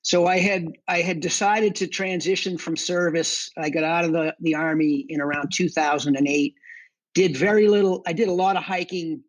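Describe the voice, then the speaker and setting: Middle-aged man, Boston accent, fairly high voice, dry close sound, matter-of-fact interview storytelling. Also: steady tone, normal speed, no echo, low-quality recording. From Boston area, United States. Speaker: interview guest, army veteran and section hiker.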